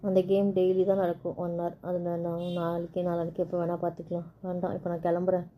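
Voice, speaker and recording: A young wife in a home-made couple skit, acted by a woman talks quickly in a dark, mellow voice with a slightly low pitch. She pleads, coaxes and sweet-talks her husband, and later answers him with stubborn indignation. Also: monotone, a little hiss or hum, close to an everyday voice. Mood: earnest. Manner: pleading, affectionate, then indignant. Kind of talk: scripted family skit.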